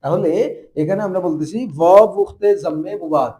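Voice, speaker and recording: Fast, high-voiced man teaching a class. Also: mellow. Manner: quizzing students with constant rhetorical questions. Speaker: madrasa teacher. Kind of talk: classroom Arabic grammar lesson.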